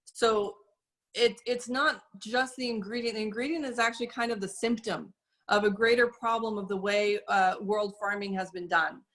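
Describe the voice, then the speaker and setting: A woman speaking as an interview guest, explaining carefully and earnestly, with frequent pauses and fillers. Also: mid-range voice, steady tone, fairly bright tone. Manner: measured, earnest, many fillers. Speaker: guest, soap company representative. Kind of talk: casual interview talk.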